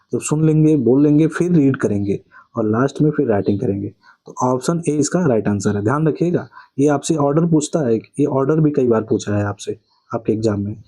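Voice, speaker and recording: A man with a Hindi accent runs an exam-prep lesson, reading questions slowly and repeating key words back as questions. His voice is very dark and mellow, with a husky edge. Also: mid-range voice, low-quality recording. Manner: asks "clear?" after each answer, repeats key words as questions. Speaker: teacher.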